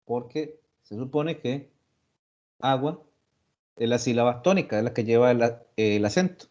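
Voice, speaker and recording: A man's voice: mid-range voice, expressive, normal speed, dark tone. A male teacher giving an online class lecture, explaining step by step, repeating key words and asking rhetorical questions. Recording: dull lo-fi audio.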